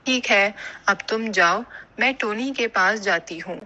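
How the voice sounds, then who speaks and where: A woman voicing a kind, motherly female pigeon in an animated cartoon, speaking gently and giving advice. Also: mid-range voice, muffled recording, natural voice. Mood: caring. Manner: gentle and advising.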